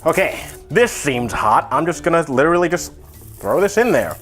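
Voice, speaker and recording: Higher-voiced man rambling through casual cooking chat. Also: sing-song, moderate pace, a bit bright. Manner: self-deprecating, rambling, offhand asides. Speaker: host of a comedy cooking video.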